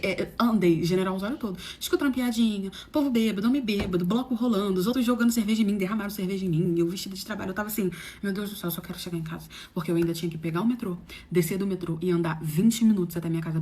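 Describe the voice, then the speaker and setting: A woman, telling a dramatic story in a casual, expressive way with big swings in pitch. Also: very fast, husky.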